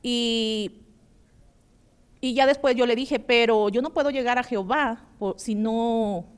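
A woman's voice: on the high side, unhurried, clear, resonant tone. Woman recounting a story on radio. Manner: recounting a conversation, quoting back and forth. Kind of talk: telling a personal story on radio.

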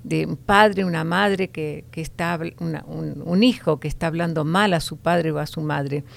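Deep gravelly older woman. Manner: measured, explanatory, many fillers. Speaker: host.

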